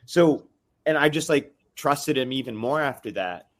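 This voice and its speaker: A man's voice: medium pitch, expressive, normal speed. A man is calling in to a live podcast, venting with a lot of heat. He rambles in restarts and fillers, and he keeps tripping over his own sentences in an ordinary mid-range voice. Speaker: caller on a live fan podcast. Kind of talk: casual venting chat.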